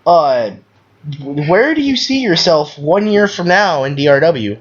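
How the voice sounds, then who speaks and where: A man hosting a casual online radio chat over a video call, rambling and animated as he asks questions. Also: on the high side, unhurried. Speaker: host. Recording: lo-fi call audio.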